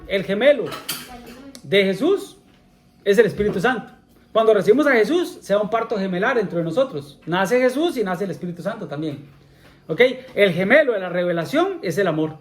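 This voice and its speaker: A man preaching a sermon in a church, often repeating himself, asking the congregation questions and saying amén between points. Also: sits high. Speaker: pastor.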